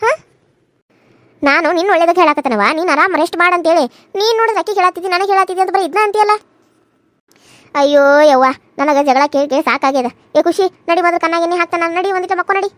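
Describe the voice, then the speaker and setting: A woman's voice: very high-pitched, fast, a bit bright, no room sound. A woman voicing quarrelling young wives in a cartoon serial, heated and accusing, with a North Karnataka Kannada accent. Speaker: voice actor.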